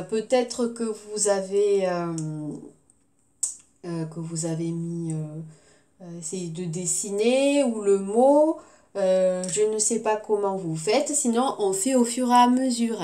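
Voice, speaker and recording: Woman, French accent, teacher, recorded phonics lesson, slow careful articulation, gently encouraging. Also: medium pitch. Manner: slow, clearly articulated, repeating words syllable by syllable; gentle and encouraging, with frequent hesitations. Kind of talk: recorded remote phonics lesson for young children.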